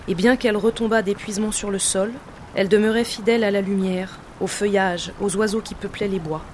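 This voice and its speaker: A woman narrating a literary audiobook in a measured, quiet, restrained way. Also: medium pitch, slight background noise. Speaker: audiobook reader.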